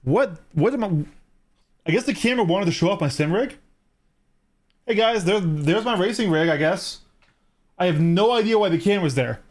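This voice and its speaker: A man's voice: sits high, animated, normal speed, pauses often. A man with a slightly raised voice talks through a live game stream. He explains at an easy, casual pace and keeps checking that his listeners follow along. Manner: explains step by step, adds tag questions like "right?" and "okay?".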